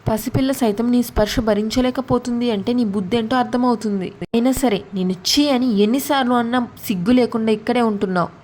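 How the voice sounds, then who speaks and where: A woman's voice: a little high, darkish tone, lightly acted. A woman retelling as an enraged young mother. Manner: scolding, rapid accusations. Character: furious young mother fiercely guarding her baby.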